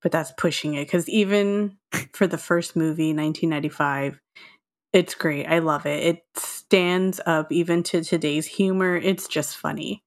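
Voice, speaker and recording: A woman's voice: deep voice, fairly even intonation, normal speed. A woman in her thirties, co-hosting a casual chat, laughing often and talking with many fillers. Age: 30s. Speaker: podcast co-host.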